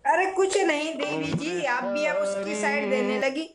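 A man's voice: extremely high pitch, animated, a little slow, music in the background. Young man playing a scolding stingy father. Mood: defensive. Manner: nagging, scolding. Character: scolding middle-aged father, stern and stingy.

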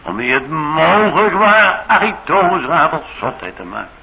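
A man's voice: a little high, big pitch swings, normal speed, vocal fry, lo-fi sound. A man with a Dutch accent preaching a sermon in a church, acting out the biblical figures' speech dramatically. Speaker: pastor.

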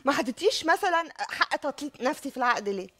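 Egyptian woman, rapid speech, high voice, flustered, prank host. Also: expressive, bright, forceful tone. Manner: flustered, pleading, repeatedly backing out. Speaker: prank show host acting a part. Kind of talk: hidden-camera prank improv.

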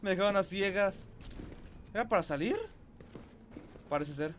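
A man's voice: high voice, measured pace, fairly bright tone, a little hiss or hum. A young man with a Mexican accent playing a horror game, nervously rambling to himself and yelping. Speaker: gaming streamer. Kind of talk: horror game let's play.

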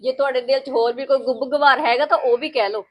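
A woman playing a village wife with a high voice, sarcastic, lecturing, sharp-tongued, family skit acting. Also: steady tone, fast talker, lo-fi sound. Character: village wife lecturing her sister-in-law.

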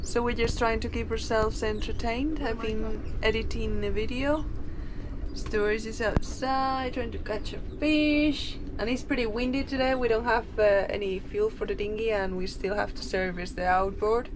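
A woman's voice: on the high side, steady tone, normal speed. A woman in her thirties narrating a sailing vlog into a handheld camera, cheerful and giggly, speaking casually. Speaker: sailing vlogger. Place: outdoors on a small boat and in a small cabin. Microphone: action camera at arm's length. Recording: clear wind and water noise.

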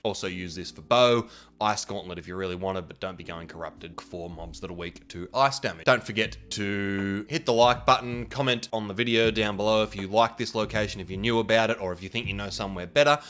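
A man's voice: sits low, steady tone, brisk, a bit bright. A man with a nasal, stuffy voice from a lingering cold, rambling casually through a game guide as the host. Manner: rambling, chatty, self-deprecating. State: sick with a cold. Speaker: gaming video host.

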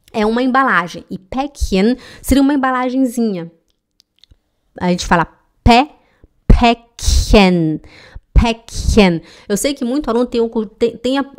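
A Brazilian woman with a Brazilian Portuguese accent teaching German in a live online lesson, sounding out words slowly and repeating them for her students. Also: mid-range voice. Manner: slow, exaggerated demonstration of German sounds; addresses students directly, repeating words for practice.

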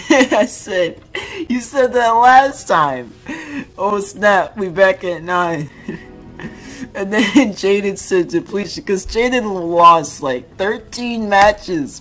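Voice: medium pitch, animated, takes it slowly, fairly bright tone, faint music behind. A young adult gaming streamer reading chat messages aloud in casual, slangy commentary, often breaking into laughter.

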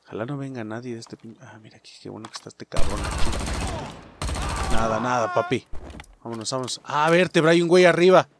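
A man with a Mexican accent commenting on a game he is playing, cursing constantly and shouting at enemies. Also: medium pitch, a little fast, background noise. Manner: profane, excitable, shouts at enemies. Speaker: gaming channel host. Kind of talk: let's play commentary.

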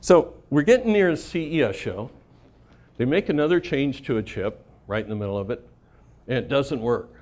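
A man's voice: medium pitch, expressive, moderate pace, darkish tone. Middle-aged guy doing a loose, sweary story talk at a conference, says right? a lot. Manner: casual, profane, laughs at his own stories, keeps tagging "right?". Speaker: conference speaker. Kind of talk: storytelling talk to a live audience.

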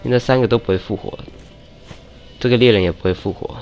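A lower-pitched man talks through his gameplay in a casual let's-play style. He jokes with enemies and bursts out in loud groans at every setback. Game music plays clearly behind him. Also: fast talker. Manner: excitable, shouts and groans at deaths, teasing banter with enemies. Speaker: gaming YouTuber.

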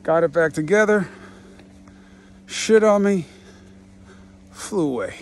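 Musing and throwing out rhetorical questions, a fifties-aged podcast host talks through a reflective monologue as he walks outdoors. He speaks at a slow pace in an animated voice on the high side, with slight background noise.

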